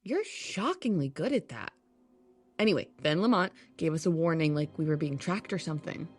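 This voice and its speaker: A woman's voice: low voice, animated, moderate pace, slightly rough, soft background music. A woman narrating and acting a lead in an audio drama, dry, matter-of-fact and a little exasperated.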